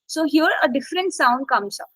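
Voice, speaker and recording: A woman with a high, bright voice leads a live online English lesson. She keeps asking "okay?" and urges her students to answer. The sound is dry and close on a computer mic. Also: lively intonation, brisk, dry recording, poor audio. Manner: checks in constantly with "okay?" and coaxes students to speak. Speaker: English exam instructor. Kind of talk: live online class teaching.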